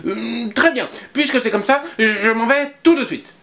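A man's voice: very high-pitched, measured pace, bright, forceful tone, slight background noise, pitched above the performer's own voice, exaggerated voice. A man voicing a small, stubborn boy who sulks and plays dead theatrically. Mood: sulky. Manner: sulky, indignant, theatrical.

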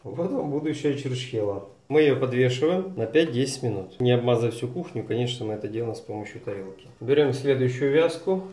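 A man's voice: mid-range voice, animated, brisk, few pauses, dark tone. A man with an Odesa accent hosts a cooking show in voice-over, talking to viewers in a folksy, chatty way. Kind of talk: recipe voice-over narration. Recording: roomy echo.

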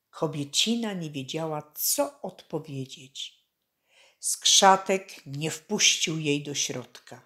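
A woman actress narrating a children's fairy tale deliberately, stressing key words with rises. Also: lowish voice.

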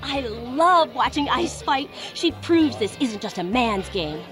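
An eager, somewhat bossy female fight fan in a video game. Her voice is high and very lively, with music behind. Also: slow. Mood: admiring. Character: keen female arena fight fan in a cantina. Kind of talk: video game character acting.

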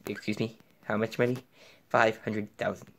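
In an indoor bedroom, across the floor and desk, a young man gives voice to plush toy figures in a spontaneous skit, often whispering. He has a lowish voice with a level tone and a moderate pace.

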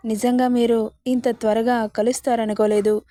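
A woman's voice: a little high, level tone, normal speed, mellow, dry recording, lightly acted. A woman voicing a worried, loving middle-aged mother-in-law who fusses and questions in a told story. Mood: fussing. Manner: fussing, questioning. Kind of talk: storybook narration.

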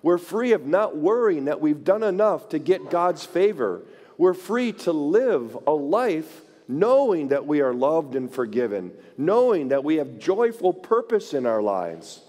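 Male pastor, sermon, higher voice, animated delivery, church reverb. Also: unhurried. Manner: animated preaching with voiced quotes. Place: church sanctuary.

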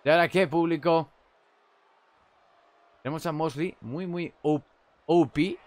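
A young man with a Spanish accent gives lively commentary on a wrestling video game. His voice sits high, and he breaks into loud exclamations at the big moves. The close mic sounds dry, with no room echo. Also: a little slow. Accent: Spain Spanish. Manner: exclaims loudly at big moves, chats casually. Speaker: gameplay commentator.

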